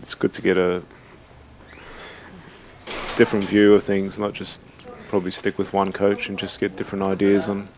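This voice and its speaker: A man's voice: low voice, completely flat delivery, normal speed, long pauses. A man from Australia commentating a snooker match live, easygoing and prompting his co-commentator.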